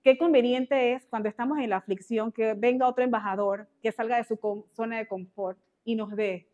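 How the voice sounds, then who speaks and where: A woman, teaching a women's ministry sermon through an animated personal story with exclamations and quoted prayers. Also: on the high side, moderate pace, muffled recording. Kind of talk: testimony-style sermon.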